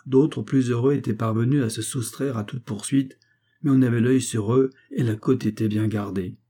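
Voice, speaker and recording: A man narrating a literary story as an audiobook in an even, measured reading style. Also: mid-range voice.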